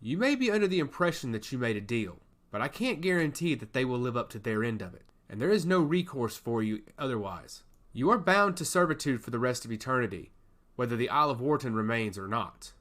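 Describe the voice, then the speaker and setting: Playing a stern god of intellect in a fantasy audiobook, a male narrator lays down the law briskly, with sweeping, animated pitch. He sounds solemn and emphatic yet sly, and the mood is one of stern warning.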